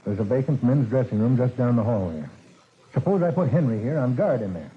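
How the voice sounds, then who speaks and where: A jittery theater manager frets in a husky, animated voice. The recording has the thin, phone-like sound of old radio. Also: male voice, mid-range voice, fairly quick. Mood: fretful. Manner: fretful, talkative. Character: nervous fretful male theater manager. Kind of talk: 1940s radio acting. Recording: tinny old radio broadcast.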